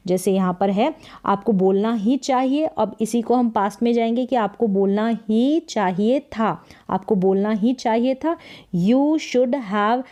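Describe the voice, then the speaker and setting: A woman teaching English grammar to learners, explaining each rule and repeating key phrases. She says her English example sentences slowly and clearly. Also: on the high side, mellow.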